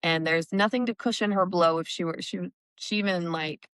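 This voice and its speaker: Chatty woman with a smooth, low voice. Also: normal speed, a bit bright, dry recording. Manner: chatty retelling, frequent "like" and "um". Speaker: podcast co-host. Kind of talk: casual book-recap chat. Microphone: remote call.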